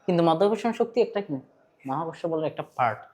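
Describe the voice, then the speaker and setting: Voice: medium pitch, animated, racing, darkish tone. A physics teacher with a Bangladeshi Bengali accent giving a casual online class, asking students questions, repeating key points and slipping in English terms.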